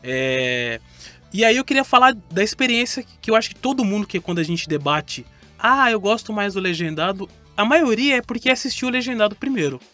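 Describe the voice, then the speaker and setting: A man's voice: high voice, very animated, fairly quick, sharp tone, soft background music. A man with a Brazilian Portuguese accent hosting a casual podcast chat, rambling and correcting himself as he goes. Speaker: podcast host.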